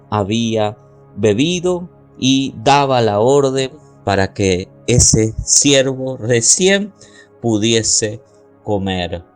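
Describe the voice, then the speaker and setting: A man preaching a sermon as pastor, slowly and deliberately, stretching out key words and reading scripture aloud. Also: mid-range voice.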